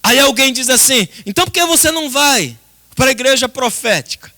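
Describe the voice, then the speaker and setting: A Brazilian pastor preaches at a church service in a very high, pushed, bright voice, talking a little fast with lively intonation. He is emphatic and dramatic throughout, using rhetorical repetition and addressing the congregation directly.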